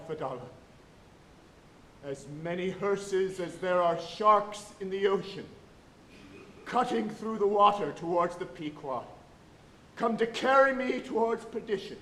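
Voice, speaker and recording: Man playing slow, haunted Captain Ahab. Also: sits high, lively intonation, a bit bright. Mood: brooding, ominous. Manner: grave, portentous. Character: brooding, haunted whaling ship captain. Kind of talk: Shakespearean stage tragedy acting. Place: college theatre stage. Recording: roomy auditorium stage recording, some hiss.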